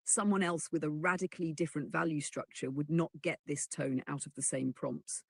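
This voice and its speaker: Text-to-speech narrator for a chatbot answer, husky and gravelly, measured explainer read, dry close sound. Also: medium pitch, no echo. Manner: measured, even explanatory delivery that reads punctuation aloud. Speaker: AI assistant reply read aloud. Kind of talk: synthetic voice reading a chatbot answer.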